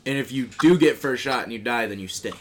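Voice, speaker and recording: A man's voice: medium pitch, fast talker, background noise. A man in his early twenties in casual, slangy banter with friends, complaining with plenty of swearing. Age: early 20s. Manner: slangy, profane, animated complaining.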